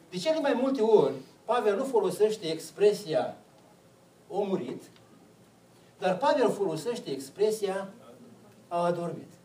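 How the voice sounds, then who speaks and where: A man's voice: high voice, darkish tone, roomy sound, distant mic, rough recording. A man preaching a sermon, putting questions to the congregation and answering them himself.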